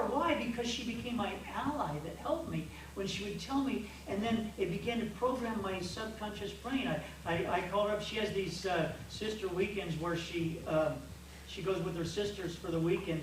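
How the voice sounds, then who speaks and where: A man coaching a group of men, telling stories in an animated way that keeps restarting. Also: sits high, moderate pace, slight background noise. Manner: storytelling, animated and repetitive, with restarts. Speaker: men's coach. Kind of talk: church coaching talk to men. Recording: echoey hall from far off.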